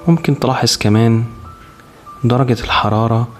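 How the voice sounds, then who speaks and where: A man with an Egyptian accent guiding a meditation in a soothing, calm, unhurried manner, leaving long pauses between short instructions. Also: medium pitch. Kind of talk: guided body scan meditation. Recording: music behind the voice. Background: clear background music.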